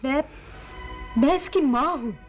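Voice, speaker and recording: A woman's voice: high voice, unhurried, music in the background. An actress playing a determined mother who speaks in a firm, resolute way. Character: determined mother defending her son's future. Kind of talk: television drama acting.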